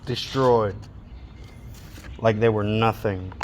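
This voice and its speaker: A man in his thirties in a casual, heated rant, swearing often and pausing between thoughts. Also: on the low side, steady tone, slight background noise. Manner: heated, swearing, with long pauses. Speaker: monologue speaker.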